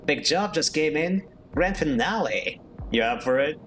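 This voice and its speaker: A man's voice: a little high, animated, a little slow, a bit bright, slight background noise, pitched above the performer's own voice. Man voicing weary loyal man, blunt, pleading, game read-aloud. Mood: urgent.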